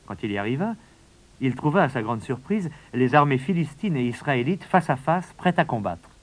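A man reading a children's storybook aloud in a measured, dramatic narration. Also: mid-range voice, animated.

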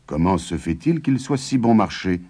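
A man's voice: deep voice, sing-song, moderate pace, mellow, husky, soft background music, full character voice. A man voicing a clever, practical farmer's wife in a storybook. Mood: shrewd.

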